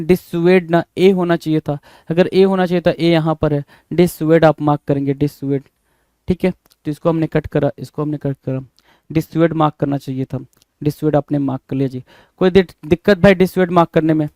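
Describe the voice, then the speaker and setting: A man's voice: on the high side, steady tone, moderate pace, darkish tone, dry recording. A male English teacher giving an exam-prep spelling lesson. He repeats each word, spells it out letter by letter, and keeps calling his students "bhai.". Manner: repeats words and spells them out letter by letter, addresses viewers as "bhai".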